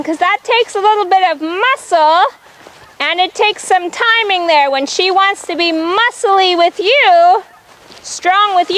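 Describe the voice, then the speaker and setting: A woman riding instructor projecting brisk commands across an arena, firm and encouraging, often repeating short instructions. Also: very high-pitched, a bit bright.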